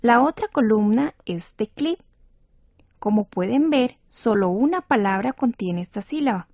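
A woman teaching as a radio instructor in a scripted educational lesson, speaking patiently and clearly with encouragement. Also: a little high, expressive, a little slow, dry recording. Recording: dull dry studio radio recording.

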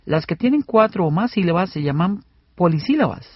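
Male radio co-host, plain explainer, husky voice, dry lo-fi broadcast. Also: high-pitched, lively intonation, dry recording. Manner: explains plainly, breaks words into syllables slowly. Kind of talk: scripted educational radio. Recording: dull lo-fi radio recording.

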